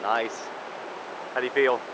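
A man's voice: mid-range voice, steady tone. A man filming and jokingly narrating a fishing trip by a river, in a playful mock-TV style, recorded on a handheld camera. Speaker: cameraman and host of a home fishing video. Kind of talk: casual outdoor commentary. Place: outdoors by a river. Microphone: handheld camera mic. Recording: outdoor camera audio with clear river noise. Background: rushing stream water.

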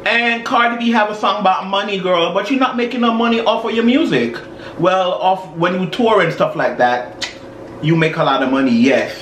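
A man's voice: sits high, fairly bright tone. A young man chatting casually in slangy, gossipy talk, chewing while talking over a meal. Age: young adult. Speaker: mukbang host. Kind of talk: casual celebrity gossip chat. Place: indoors at a table, dark backdrop. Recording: roomy sound, faint background noise.

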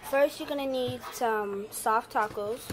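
Filmed on a handheld phone in a home kitchen, a teenage girl guest-cooks and chats her way through a demo, hesitant and full of fillers. Her voice sits a little high and she takes her time. The phone recording is noisy.

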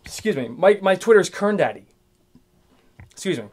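A man's voice: sits high, lively intonation, normal speed, a little mellow. A man in his twenties hosting his own podcast, ranting casually alone, swearing often and rambling with many restarts. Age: 20s. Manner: profane, rambling, restarts a lot. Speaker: podcast host. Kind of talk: casual solo rant.

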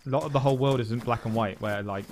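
A man in his thirties with an English accent streams from a small room, telling chatty, self-mocking stories full of swearing in a casual way. His mid-range voice is fast and a little mellow. He uses a headset mic, and there's a bit of hiss or hum.

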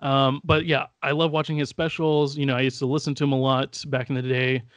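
A young man hosting a casual podcast chat from home over a headset on a video call, easygoing and quick to laugh. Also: mid-range voice, little pitch movement, dry recording. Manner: easygoing, laughs often, bursts out in mock outrage. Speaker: podcast host running the draft. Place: home room. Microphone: headset with desk mic, video call.

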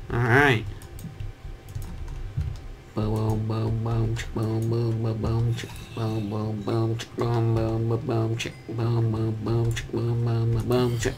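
A young man giving casual, jokey commentary on his own gameplay, chatting to himself and his viewers. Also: medium pitch. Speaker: gaming commentator. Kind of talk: casual let's-play commentary.

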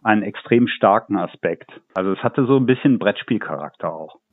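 Low-voiced man on a thin phone-like line. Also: expressive, fairly quick, dry recording. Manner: talkative, recounts anecdotes with light laughs. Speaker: game developer guest. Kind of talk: interview answers, relaxed storytelling.

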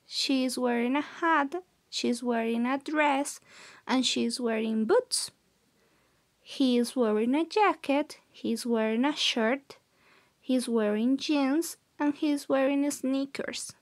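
A young Colombian woman with a high voice teaches an English vocabulary lesson in a recorded class, switching between English and Spanish. She models each word's pronunciation slowly and clearly.

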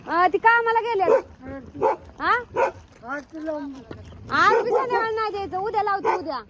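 A woman's voice: extremely high pitch, expressive, measured pace, lo-fi sound, crowd noise. A young woman with a rural Marathi accent, chatting as she films her farm vlog outdoors on a handheld phone, calling out to animals and family. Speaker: vlogger.

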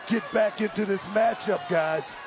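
A man's voice: high-pitched, a little slow, shouting, music in the background. A man giving colloquial live wrestling commentary as an analyst, repeating phrases for emphasis. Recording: crowd and arena noise.

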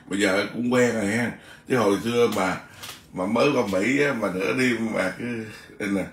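Gravelly low-voiced man chatting. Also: normal speed, fairly bright tone, recorded from a distance. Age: middle-aged. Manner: chatty, rambling, repeats words. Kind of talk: casual chat. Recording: roomy, off-mic with faint noise.

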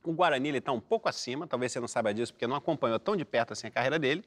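An actor playing a cheeky, contrarian young Brazilian driver who contradicts everyone. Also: male voice, medium pitch, rapid-fire, natural voice. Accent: Brazilian Portuguese. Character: know-it-all young male driver Julinho.

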